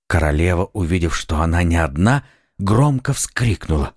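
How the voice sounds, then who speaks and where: A man reading a children's audiobook as narrator, in a measured storytelling manner. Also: deep voice, animated, no room sound, studio quality.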